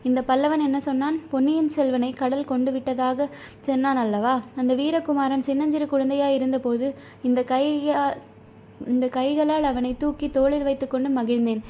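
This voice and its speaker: A woman's voice: high voice, fairly even intonation, moderate pace, warm tone, a little hiss or hum, lightly acted. A woman voicing a proud, fierce old male chieftain in a storybook reading, stern and commanding. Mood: anguished. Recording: dull lo-fi recording.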